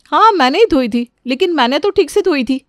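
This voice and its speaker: A woman's voice: high-pitched, animated, brisk, fairly bright tone, dry recording, studio quality, pitched above the performer's own voice. A woman doing a proud, fault-finding sister-in-law. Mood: snappy. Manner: snappy, scolding.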